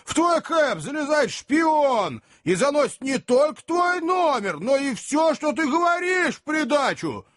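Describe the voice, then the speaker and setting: A man doing a belligerent shouting cabman. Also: high-pitched, normal speed, few pauses, dry recording, voice pushed up, natural voice. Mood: angry shouting. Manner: shouting, aggressive. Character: loud, belligerent London cabman picking a fight. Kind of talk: audiobook character voice.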